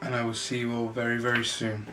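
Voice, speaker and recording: Music plays in the background of this low-quality recording, where a dad reads a kids' storybook to his family. His mid-range voice moves quickly and stays completely flat, and being no professional, he occasionally trips over words and fixes them.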